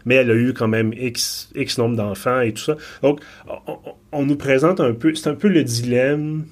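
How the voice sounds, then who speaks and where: A man in his thirties with a Quebec French accent and a mid-range voice. He analyzes a film in a thoughtful, conversational way. He often stumbles and restarts his sentences as he goes. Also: mid-range voice. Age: 30s. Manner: thoughtful, halting with repeated restarts. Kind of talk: casual film discussion.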